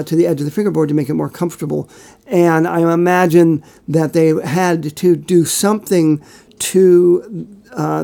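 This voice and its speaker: A man's voice: fairly high pitch, vocal fry, warm tone. A man co-hosting a podcast, giving long, rambling, detailed explanations in casual chat with many fillers. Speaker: podcast co-host.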